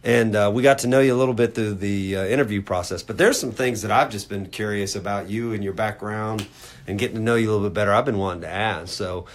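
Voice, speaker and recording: Virginia guy hosting a podcast, low-ish voice, lots of uhs and restarts. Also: quick pace. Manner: rambling, lots of fillers and restarts. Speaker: podcast host. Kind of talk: casual interview. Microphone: studio microphone.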